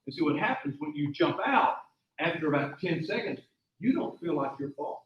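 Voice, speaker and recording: A man's voice: fairly high pitch, very animated, fairly quick. Emphatic male taekwondo instructor in echoey hall. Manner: repetitive, emphatic, rambling anecdotes. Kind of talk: motivational class talk with storytelling. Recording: echoey, dull lo-fi room sound.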